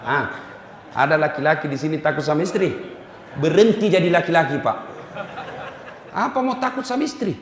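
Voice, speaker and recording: A male preacher giving a humorous sermon in an animated, teasing way, speaking directly to his audience in a large hall. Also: fairly high pitch, brisk, pauses often, a little hiss or hum. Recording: echoey hall.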